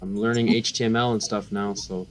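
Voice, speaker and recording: A man's voice: on the low side, fairly even intonation, a little fast, a loud crowd. A man in casual conversation with friends, speaking informally and slangily as a podcast co-host. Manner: informal, slangy, like-heavy speech.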